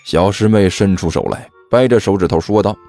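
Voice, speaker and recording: A man narrating a serialized novel in a lively storytelling manner. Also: lowish voice, brisk, soft background music.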